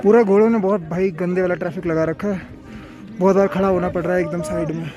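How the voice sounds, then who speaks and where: A man's voice: high voice, steady tone, quick pace, dull audio, loud music behind the voice. A man vlogging outdoors on a mountain trail, sick with a fever and worn out from climbing, chatting and giving friendly advice to viewers. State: unwell with a fever, tired from climbing. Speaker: travel vlogger. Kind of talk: casual travel vlog narration.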